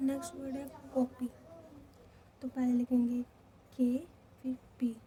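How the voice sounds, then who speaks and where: Speaking in a high, warm, monotone voice, this Hindi-accented woman walks through shorthand one step at a time. Each step gets repeated slowly, with frequent "theek hai" check-ins.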